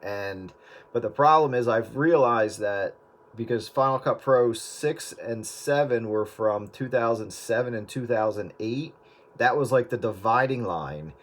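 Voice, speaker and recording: In a slightly slow, mid-range voice, the video editor from the American Northeast talks informally about editing old video, often restarting sentences and leaning on fillers as he rambles.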